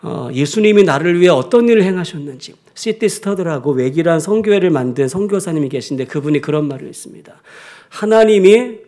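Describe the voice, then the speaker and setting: A man's voice: on the high side, expressive, quick pace, hardly any pauses, a little mellow. A male pastor preaching a sermon, telling a story and raising his voice for the quoted lines.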